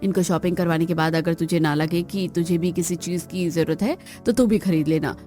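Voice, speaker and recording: A woman's voice: lowish voice, fairly even intonation, a little fast, mellow, soft background music, natural voice. A woman voicing a strict but caring middle-aged mother-in-law in a cartoon, speaking in a firm, commanding, motherly way. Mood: pleased. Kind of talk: Hindi cartoon voice acting.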